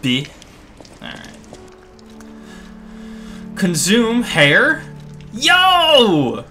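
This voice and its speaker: A young man doing casual, jokey gameplay commentary, excitable, with sudden yelps and muttered asides. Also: mid-range voice, slow, faint music behind. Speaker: gaming streamer.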